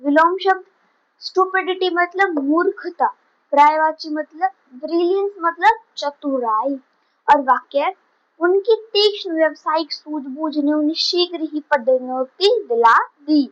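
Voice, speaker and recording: A woman's voice: high-pitched, unhurried, highs cut off. A woman teacher giving a vocabulary lesson, patiently explaining each word and switching between Hindi and English.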